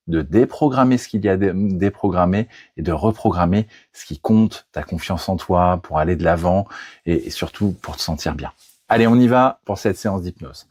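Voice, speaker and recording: A man with a low, husky voice guides a hypnosis session. His delivery is soothing and deliberate, recorded close and very dry, with no room sound around it. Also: darkish tone, dry recording.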